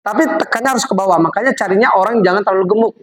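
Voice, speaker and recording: Racing through her words in a medium-pitched voice, a woman presents MLM products live to a group. She keeps it chatty and coaxing as she directs volunteers. The rough recording picks up audience crowd noise behind her.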